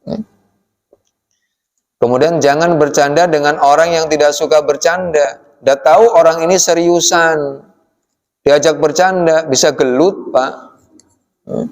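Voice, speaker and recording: A man giving a relaxed study-circle sermon in a mosque, speaking with a tinge, often tagging his lines with "ya" and addressing the men as "Pak". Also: on the high side, unhurried, long pauses. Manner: folksy, addresses the audience as "Pak", frequent "ya" tags. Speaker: preacher. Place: mosque hall. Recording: long hall reverb from a mosque.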